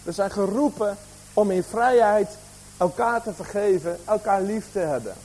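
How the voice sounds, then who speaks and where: A man's voice: sits high, lively intonation, normal speed, a little mellow, husky, rough recording. A man preaching a sermon, asking the congregation questions, with a slight cough.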